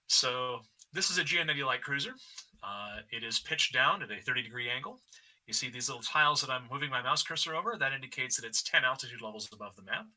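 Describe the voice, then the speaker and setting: A man's voice: mid-range voice, fast, sharp tone, poor audio. A man designing games, explaining a virtual map demo on an online panel call. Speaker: game designer.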